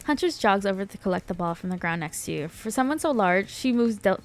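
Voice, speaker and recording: A woman's voice: medium pitch, expressive, fairly quick, soft background music. A woman on a casual gaming stream who reads game text aloud and laughs often between jokey asides.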